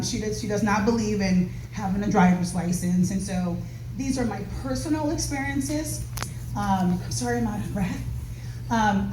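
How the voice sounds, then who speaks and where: A woman from Nevada giving an earnest, rambling public comment at a community meeting, with many fillers. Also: medium pitch. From Nevada, USA. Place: meeting hall. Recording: echoey hall, far from mic, noisy.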